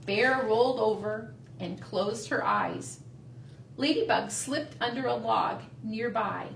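A woman librarian reading a storybook aloud to children, gentle and expressive, in a library. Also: on the high side, slow, gravelly, slight background noise. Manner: sing-song, gentle, expressive. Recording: roomy, distant mic.

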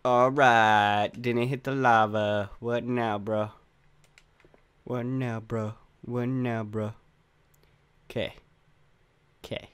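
A man's voice: level tone, takes it slowly, long pauses, smooth. A young man narrating his own game attempts, swearing and yelping in frustration when he fails. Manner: raging, swearing, voice cracking high when failing. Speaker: gamer. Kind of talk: Minecraft parkour gameplay commentary.

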